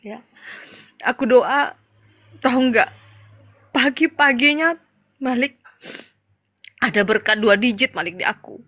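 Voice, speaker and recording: A woman's voice: a little high, slow pace, long pauses, a bit bright. A middle-aged woman from Madura, an evangelist, giving an earnest, emotional personal testimony and advising the listener directly. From Madura, Indonesia.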